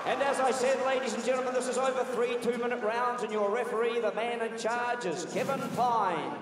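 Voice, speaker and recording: A man with a New Zealand accent announcing a boxing bout with drawn-out showman calls. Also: extremely high pitch, steady tone. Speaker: ring announcer. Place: large indoor arena, over PA. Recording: echoey arena PA from far off, crowd noise.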